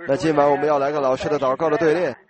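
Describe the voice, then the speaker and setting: Slightly hoarse male preacher, conversational sermon. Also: a little high, level tone, racing, crowd noise. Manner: conversational, asking the congregation questions. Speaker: preacher addressing a congregation. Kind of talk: informal sermon.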